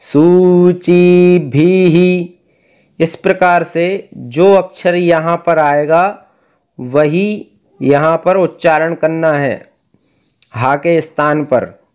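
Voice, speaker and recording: A man teaching Vedic recitation, explaining pronunciation and chanting verses in slow, drawn-out tones. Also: fairly high pitch, smooth. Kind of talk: recitation lesson.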